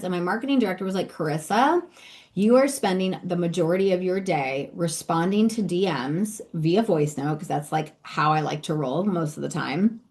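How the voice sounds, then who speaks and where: A woman in her thirties coaching her listeners in a motivational podcast monologue. Her pitch sits in an ordinary middle range, and her delivery is energetic and emphatic. She speaks casually and fires off rhetorical questions. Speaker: business coach and podcast host.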